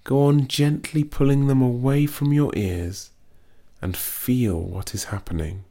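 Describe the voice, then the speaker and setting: This is a guided muscle relaxation script read by a man in a mid-range voice, delivered slowly with soothing, gentle instruction.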